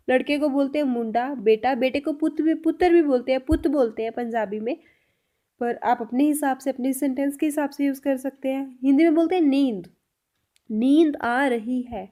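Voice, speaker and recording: A woman teaching a spoken language lesson, saying each example sentence slowly and repeating it. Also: high-pitched, dark tone.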